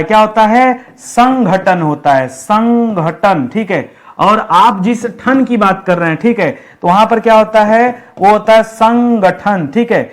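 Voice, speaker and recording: Guy teacher, high voice, keeps repeating words and asking the class what's right, chill exam-prep lesson. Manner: repeats and drills words, asks the class rhetorical questions; calls his listeners friends, relaxed and unhurried. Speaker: Hindi teacher.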